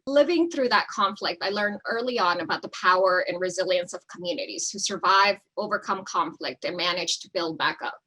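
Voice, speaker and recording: A woman's voice: on the low side, sharp tone, rough recording. A woman from El Salvador, a nonprofit founder, reading a prepared opening statement in an online debate over a video call. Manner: measured, reading prepared remarks.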